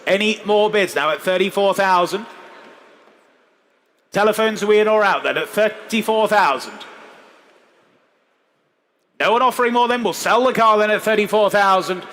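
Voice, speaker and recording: A man with a high-pitched, forceful voice calls bids as an auctioneer. His patter is polished and courteous, coaxing and repetitive. There is some background noise from the saleroom around him. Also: normal speed, pauses often. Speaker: classic car auctioneer. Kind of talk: live auction calling, repeating bids. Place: large indoor show hall, live saleroom. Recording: noisy auction hall ambience.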